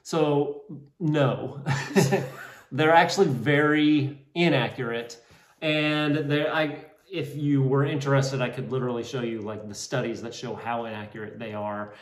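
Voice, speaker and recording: A man co-hosting a fitness question-and-answer video in a relaxed, chatty way. He is playful and explains things with quick restarts and side remarks. His voice sits at an ordinary pitch, picked up from some distance in a roomy space. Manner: playful, teasing, talks with many restarts. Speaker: fitness coach co-host. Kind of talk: casual Q&A chat.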